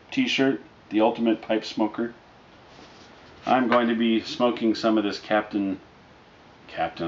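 Casual male reviewer, deep voice, laid-back and halting, lo-fi living-room camera sound. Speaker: product reviewer. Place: living room, indoors, on a couch. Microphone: camera mic a short distance away. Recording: dull lo-fi audio with noticeable background noise.

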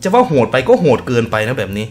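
A man's voice: mid-range voice, very animated, fast, darkish tone, faint music behind. A man giving casual reaction commentary on video clips, laughing often and swearing offhandedly.

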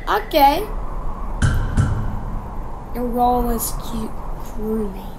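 A woman giving excitable live gameplay commentary as a channel host, often exclaiming and yelping in surprise. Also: fairly high pitch, slow pace, music in the background. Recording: noisy recording with clicks.

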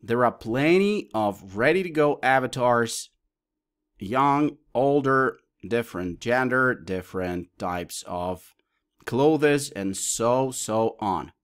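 Man, tutorial presenter, lively up-and-down delivery, listing options step by step, mid-pitched voice. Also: slow pace, clear, resonant tone. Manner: lists options step by step, explaining as he clicks. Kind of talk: screen-recorded tutorial walkthrough.

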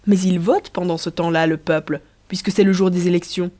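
A woman voicing a playful, scheming young empress who speaks in a lively, persuasive, teasing way. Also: on the low side, a little fast, natural voice.

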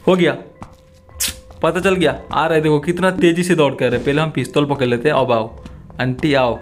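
A man's voice: fairly high pitch, fairly even intonation, fairly quick. Crude joking young man gaming. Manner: crude, jokey, swears often; jumpy, frightened mutters. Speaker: gaming channel host. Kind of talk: horror game commentary.

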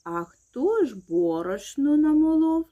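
A woman's voice: high voice, sing-song, slow pace, warm tone, highs cut off, pitched above the performer's own voice, heavily acted. A woman voicing a hardworking, patient little rooster who calls out and asks questions in a children's fairy tale. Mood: questioning. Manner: calling out, asking questions.

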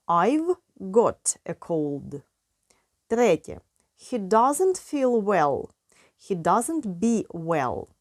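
A woman with a Ukrainian accent teaching a beginner English lesson, explaining slowly and clearly. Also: medium pitch, a little mellow, no echo, clean studio sound.

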